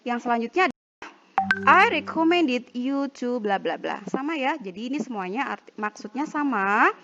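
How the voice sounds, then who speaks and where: A woman with an Indonesian accent teaching an online English lesson, reading example sentences slowly and carefully. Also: fairly high pitch, big pitch swings, noisy background. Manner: slow, drawn-out example sentences. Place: at home. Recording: dull lo-fi home recording.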